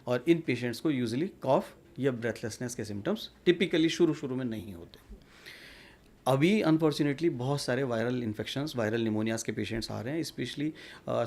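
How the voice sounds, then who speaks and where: Male doctor guest, gravelly voice, measured explainer. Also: medium pitch. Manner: measured, explanatory, mixes English terms. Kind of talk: medical interview answers.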